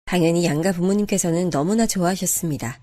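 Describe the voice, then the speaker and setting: A woman narrating a first-person true-life story in a calm, confiding way. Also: fairly low pitch, fast talker. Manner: calm, confiding, even-paced.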